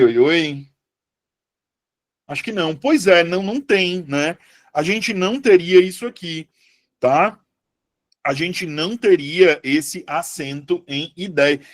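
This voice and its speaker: A man teaching a live online Portuguese lesson, chatty and lively, often putting questions to his students. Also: fairly high pitch, no echo, clean studio sound.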